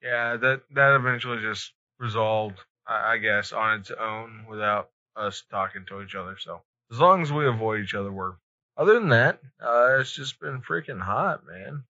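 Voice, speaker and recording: A man hosts a casual, conversational podcast, his phrasing hesitant and laid-back. His voice is on the low side and sharp, at a moderate pace with no echo. The recording is slightly muffled and lo-fi.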